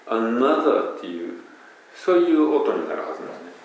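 A man's voice: mid-range voice, sing-song, a little fast, distant mic, slight background noise. A man with a Kansai accent, an English pronunciation teacher, casually explaining sounds and demonstrating them aloud. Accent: Kansai Japanese. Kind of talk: casual spoken lesson. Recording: very echoey room.

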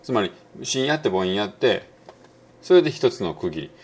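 Relaxed Kansai-accented man teaching pronunciation. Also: on the low side, slight background noise. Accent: Kansai Japanese. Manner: relaxed, musing, many fillers, demonstrates words slowly. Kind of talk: casual spoken lesson, audio post.

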